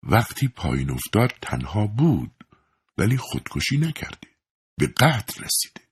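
A man voicing a quiet, sorrowful old priest detective in a storybook reading. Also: on the low side, huge pitch swings, noisy background, voice pushed up. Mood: grave. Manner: quiet, grave.

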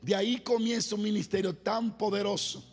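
A man preaching a sermon in a large church hall, telling stories with passion and rising to loud exclamations. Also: sits high, steady tone, fairly quick. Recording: reverberant hall with faint music.

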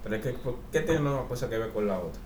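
A man's voice: lowish voice, animated, fast talker, darkish tone. Blunt Dominican man in an echoey room. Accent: Dominican Spanish. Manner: blunt, argumentative, slangy. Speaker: podcast co-host. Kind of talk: casual comedic banter. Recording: echoey room, faint noise.

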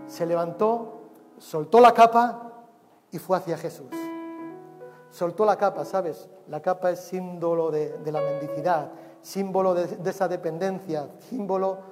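A male pastor, preaching a sermon with passion, swinging from loud cries to hushed tones. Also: sits high. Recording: long reverb of a hall, faint music behind.

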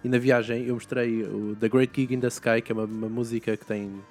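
Fast-talking young Portuguese man, rambling. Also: medium pitch, little pitch movement, a little mellow, soft background music. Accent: European Portuguese. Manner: rambling, many restarts and fillers. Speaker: podcast host. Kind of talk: casual chat.

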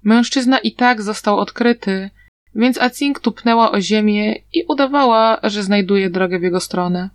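Woman, audiobook narration, steady, mid pitch, dry close recording. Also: normal speed, no room sound. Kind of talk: storybook narration.

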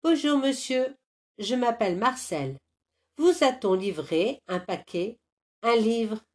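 A woman voicing a stubborn young boy, pleading and insisting in a high voice in a storybook reading. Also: lively intonation, takes it slowly, darkish tone. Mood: insistent. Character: stubborn young boy wanting his book.

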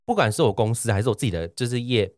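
A man chatting casually as a podcast host in animated, rambling explanations, speaking fluently while wearing dental braces. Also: medium pitch, rapid-fire, no room sound, clean studio sound. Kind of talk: casual podcast chat with product recommendation.

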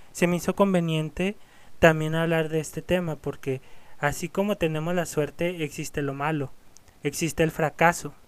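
A young man in his twenties hosts a motivational podcast, speaking earnestly and warmly encouraging the listener. His voice sits a little high for a man and comes across smooth and clear. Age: 20s. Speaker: podcast host.

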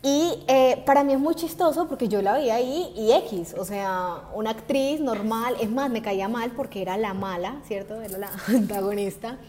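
A woman's voice: fairly high pitch, moderate pace, few pauses, mellow, a little hiss or hum. A young woman, a podcast guest who talks expressively with slang and emphasis. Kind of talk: casual podcast chat.

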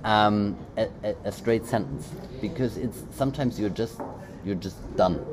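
A German-native man co-hosts a casual motivational podcast, his voice low-ish and unhurried. He rambles in loose sentences, restarting often and leaning on fillers. There's background noise in the recording.

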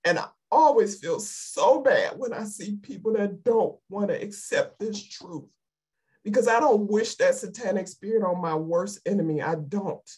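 A woman's voice: mid-range voice, expressive, unhurried, a little mellow, breathy edge. A woman giving an emotional, fervent sermon over a video call, repeating her exhortations. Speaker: lay preacher.

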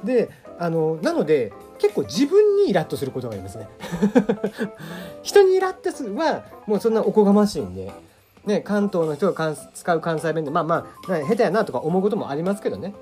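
A man's voice: a little fast, soft background music. A man hosting a casual solo web radio talk, reading listener questions in a rambling way with many fillers and a slight mixed regional lilt under standard speech. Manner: rambling, many fillers, animated pitch swings.

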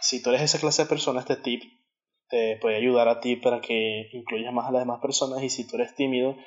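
A man's voice: medium pitch, fairly even intonation, brisk, highs cut off. A man in casual chat, explaining his points step by step with frequent restarts.

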